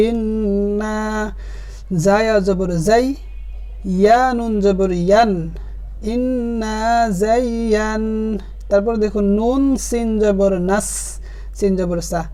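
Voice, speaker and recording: A man teaching Quran reading, spelling out each letter and vowel mark and then drawing the words out slowly and patiently. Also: high-pitched, mellow. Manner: patient, addresses the viewer directly. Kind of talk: step-by-step spelling lesson.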